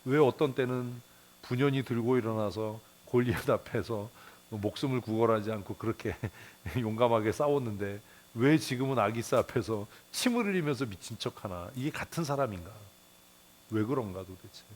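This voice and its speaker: A male pastor preaching a Bible devotional in a blunt, colloquial way, firing rhetorical questions, muttering curses and chuckling, his pitch jumping up at times. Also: normal speed. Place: church.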